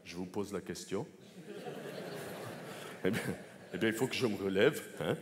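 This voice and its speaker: A man's voice: low-pitched, normal speed, noisy background. A man performing a comedy sketch on stage, jumping between many impressions and snatches of song. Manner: jumps between many celebrity impressions, singing bits. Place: large theatre stage. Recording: hall reverb with live audience.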